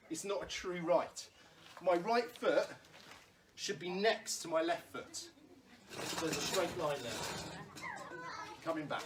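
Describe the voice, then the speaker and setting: Stage combat instructor, patient and reassuring, talks through drills step by step, mid-range voice, home room, faint background noise. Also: mid-range voice. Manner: patient, reassuring, explains step by step with light laughs. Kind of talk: instructional class, calling out drills. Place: room at home during lockdown. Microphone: camera in front of a standing speaker.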